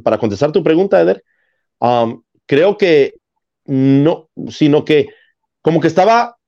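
A man's voice: on the high side, expressive, a little slow, mellow. A man, co-hosting a casual podcast chat and explaining his views through long analogies. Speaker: podcast co-host. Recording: slightly dull lo-fi sound.

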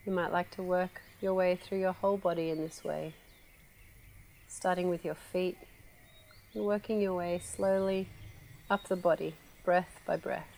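A woman guiding a relaxation meditation, speaking slowly and softly with long pauses. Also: lowish voice, vocal fry. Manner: slow, soft, calm with long pauses. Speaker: meditation guide.

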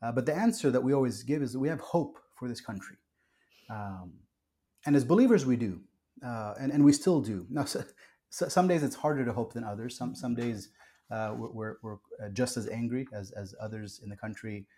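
A man's voice: medium pitch, lively intonation, brisk, warm tone. A man who was born in Kuwait and raised in the US, a pastor talking earnestly and reflectively in a podcast interview, with frequent restarts and fillers.

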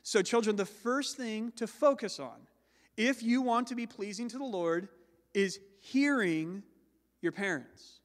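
In a big hall full of long echo, a high-voiced pastor preaches with a voice that carries. This adult father slows his pace and leans on the words he wants to hit home.

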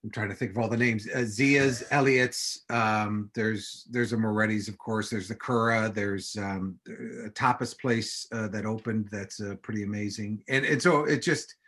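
A man's voice: fairly low pitch, fairly even intonation, normal speed, few pauses, fairly bright tone. A man, an improv teacher, chatting as a podcast guest with many fillers and wry jokes. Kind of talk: casual podcast chat.

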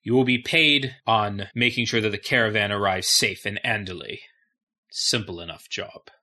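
A man playing a shrewd, courteous lord in a tabletop game, speaking in a measured, diplomatic and formal way. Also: on the low side, pushed and bright. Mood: cool, businesslike. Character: shrewd, courteous male lord hiring adventurers.

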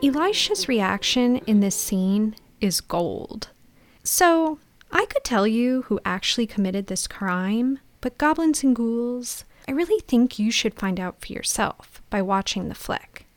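Female film podcaster, playful scripted storyteller, fairly high pitch, very dry recording. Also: expressive, measured pace, dry recording. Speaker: podcast host.

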